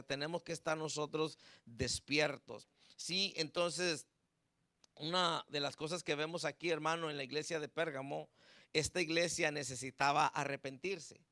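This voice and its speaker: Gravelly-voiced man preaching a sermon. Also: a little high, moderate pace, bright, forceful tone, no room sound, clean studio sound. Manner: conversational preaching, mixing in English words, with prayer. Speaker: pastor.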